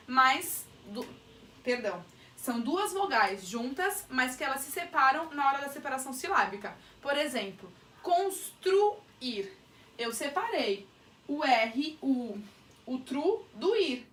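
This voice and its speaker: Woman teacher, Brazilian accent, high voice, distant mic, echoey room. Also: sharp tone, a little hiss or hum. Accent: Brazilian Portuguese. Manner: explanatory, stretches words out to sound syllables. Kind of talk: online grammar lesson.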